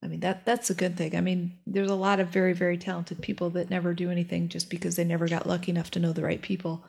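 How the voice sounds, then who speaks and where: A woman's voice: lowish voice, monotone, fast, gravelly, a little mellow, husky. A woman co-hosting a casual podcast, speaking in a dry, blunt way. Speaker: podcast co-host.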